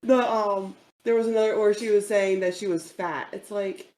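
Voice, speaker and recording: A woman's voice: mid-range voice, steady tone, moderate pace, darkish tone, echoey room, rough recording. A woman with a New Jersey accent co-hosting a podcast, talking bluntly and casually and swearing as she goes. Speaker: podcast co-host. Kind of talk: casual chat.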